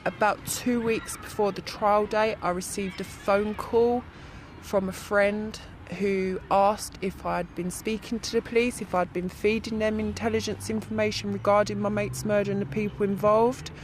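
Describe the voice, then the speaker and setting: A woman's voice: medium pitch, level tone, moderate pace, a little hiss or hum. Young woman, voice disguised. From South London. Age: young adult. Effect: electronically disguised voice. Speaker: anonymous witness. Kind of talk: interview testimony.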